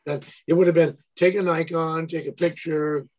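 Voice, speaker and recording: A man's voice: on the high side, normal speed. A man, a guitarist and former guitar store owner, telling stories in a casual interview and acting out the voices of people in them. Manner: animated storyteller acting out quoted dialogue.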